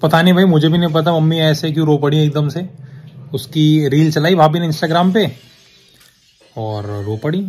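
A man's voice: on the high side, normal speed. A young man chatting casually in a rambling, playful way, vlogging from a car on the road at night. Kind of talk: casual vlog chat while driving at night. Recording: loud road and car noise.

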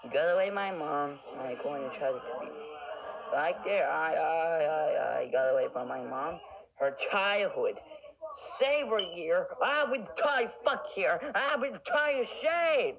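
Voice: mid-range voice, lively intonation, unhurried, gravelly, muffled recording. A person rambling casually and swearing a lot. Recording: noisy background.

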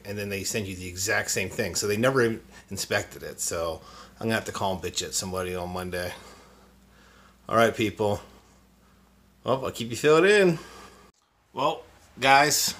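A man's voice: lowish voice, bright, forceful tone. A man in his forties hosting a casual unboxing vlog, talking bluntly and swearing freely, recorded by a camera on the desk in his collectibles room. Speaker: unboxing channel host. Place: cluttered collectibles room indoors. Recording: roomy echo, faint background noise.

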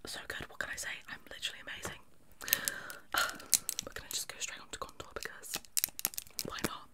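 A young woman in a whispered role-play, speaking close to the mic in a fast, aggressive, chaotic ASMR manner with repeated words. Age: young adult. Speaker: ASMR makeup artist role-play host. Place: small indoor bedroom. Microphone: close fluffy-covered microphone.

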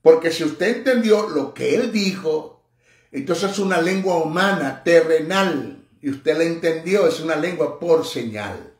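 Male preacher, fairly high voice, emphatic, mocking; echoey room. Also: expressive, measured pace. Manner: emphatic, mocking, swings between low asides and high exclamations. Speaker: pastor. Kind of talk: sermon teaching.

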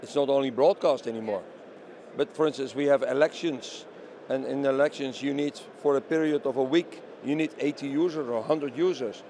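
A middle-aged company representative explains products at a busy trade show booth, often posing and answering his own questions, recorded on the interviewer's handheld microphone. He talks a little fast at a medium pitch with a dark tone, and faint hall noise bustles behind him.

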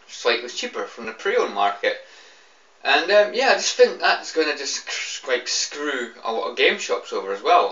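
Drunk and annoyed, this young adult British gamer delivers a rambling, repetitive rant full of swearing straight to his webcam. His medium-pitched voice has a sharp edge, captured with distant, roomy, somewhat dull sound in a small room.

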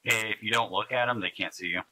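Quick, wisecracking man on comms. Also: lowish voice, pushed and bright. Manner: wisecracking, swears casually. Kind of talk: casual squad chatter over game comms.

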